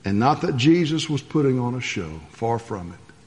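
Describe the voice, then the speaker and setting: A man preaching a sermon, earnest, alternating between soft passages and rising emphasis. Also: medium pitch, sing-song, normal speed, in a large hall. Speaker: pastor.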